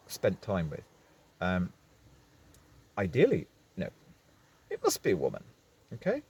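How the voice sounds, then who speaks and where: A man's voice: mid-range voice, a little mellow, slightly rough. A man talking into his phone camera from a parked vehicle, rambling and going off on digressions in a casual vlog. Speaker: vlogger.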